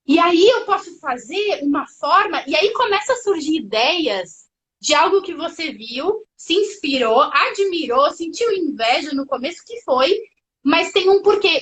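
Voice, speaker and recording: A woman's voice: high-pitched, animated, moderate pace, fairly bright tone, rough recording. A woman therapist hosting a casual live stream, talking straight to her viewers with lots of fillers. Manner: conversational, addresses viewers directly, many fillers. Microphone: phone or laptop mic on a live stream.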